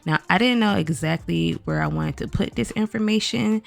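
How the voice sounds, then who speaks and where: A woman gaming creator gives a casual rundown of a new game pack, chatting directly to viewers she calls "y'all" in a groggy morning voice. Her voice is lowish with vocal fry, at a normal speed.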